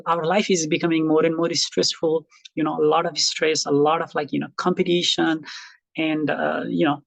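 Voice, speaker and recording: A middle-aged man from Nepal teaches a college class online, speaking casually and reflectively in a Nepali accent with frequent fillers and restarts. His voice is gravelly and on the high side, recorded without room sound.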